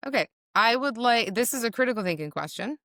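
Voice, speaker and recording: A middle-aged woman hosting a podcast in casual chat, with a low voice people mistake for a man's, blunt and animated. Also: fast, no echo, studio quality. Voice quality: low voice often taken for a man's on the phone. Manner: blunt, animated, swears for emphasis. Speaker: podcast host.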